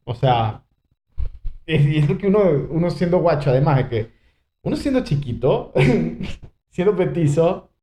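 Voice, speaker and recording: A man hosting a podcast, asking relaxed, curious follow-up questions. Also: a little high, unhurried, long pauses. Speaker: podcast host. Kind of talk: casual interview. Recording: muffled lo-fi podcast audio.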